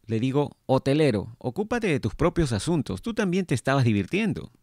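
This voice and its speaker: A vain, jovial painter spirit, as a man reads him aloud, breezy and teasing in his replies. His voice sits at an ordinary middle pitch but rides a little higher here, and the recording is close and dry with no room sound. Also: very animated, a little fast, darkish tone, no room sound. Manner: teasing and breezy, with a playful lift. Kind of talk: read-aloud book dialogue.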